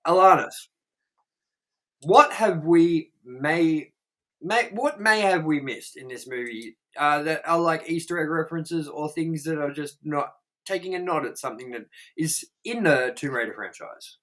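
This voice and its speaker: This co-host of a movie review show is a young man with a fairly high voice who talks at an unhurried pace. He's blunt, casual and animated, and he swears plenty.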